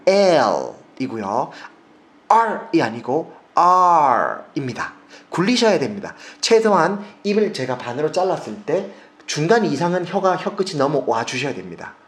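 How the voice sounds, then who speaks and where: A man's voice: on the high side, sing-song, unhurried, hardly any pauses. A man from South Korea, in his forties, teaching English pronunciation in a video lesson, repeating sounds for drills with emphasis.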